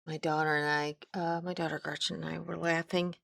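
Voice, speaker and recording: A middle-aged craft instructor from the American Midwest chats through a casual crafting tutorial, rambling and trailing off mid-sentence. Her voice is low, creaky and fairly bright, with a flat, brisk delivery. The recording is dry.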